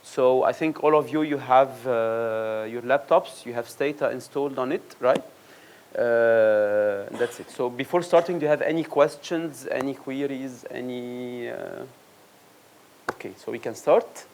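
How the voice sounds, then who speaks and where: A man leading a training workshop, introducing the sessions in a halting way with many fillers and restarts. He speaks in a workshop room. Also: medium pitch, darkish tone, slight background noise. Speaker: workshop instructor. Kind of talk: lecture introduction.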